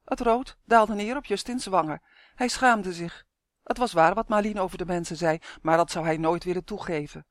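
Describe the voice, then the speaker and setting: A woman reading a children's fantasy story aloud in a calm, even-paced narration. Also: on the low side, moderate pace, no room sound, clean studio sound. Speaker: audiobook reader.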